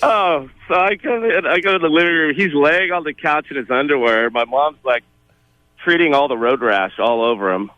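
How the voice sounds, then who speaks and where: A man calling in to a radio show, telling a childhood story with animated, laughing delivery. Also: fairly high pitch, moderate pace, lo-fi sound. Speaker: caller. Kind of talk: phoned-in storytelling.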